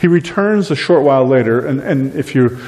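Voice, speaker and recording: A middle-aged man preaching a sermon as pastor of a small church, animated and gesturing widely. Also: medium pitch, brisk. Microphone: far camera at back of room. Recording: long reverb from a church hall.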